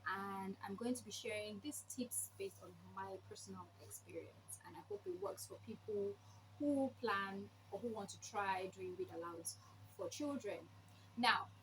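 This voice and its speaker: A woman giving an informal instructional talk, explaining step by step with emphasis and rhetorical questions. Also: mid-range voice. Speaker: presenter sharing read-aloud tips. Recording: clearly noisy background.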